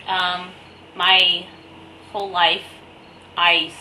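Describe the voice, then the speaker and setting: Bright-voiced young woman rambling to camera. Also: fairly low pitch, little pitch movement, takes it slowly, slight background noise, poor audio. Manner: meandering, loose and jokey, slangy. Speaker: vlogger. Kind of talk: casual rambling chat to camera.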